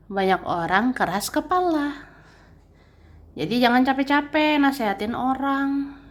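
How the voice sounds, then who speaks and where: A woman giving a casual tarot reading, chatty and gently advising, tagging her sentences with a soft "ya" and laughing between phrases. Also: on the high side. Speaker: tarot reader.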